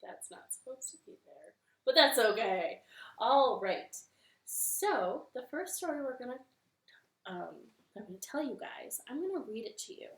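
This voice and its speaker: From her living room, a woman hosts a library storytime, reading to children cheerfully in a sing-song way. Her voice is a little high and a little slow, and the sound is reverberant.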